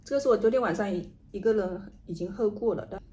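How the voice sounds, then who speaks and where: A woman chatting casually to camera while she eats and drinks, musing in an unhurried way with murmured asides. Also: medium pitch, warm tone. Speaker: vlogger doing an eating and drinking livestream. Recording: noticeable background noise, home ambience.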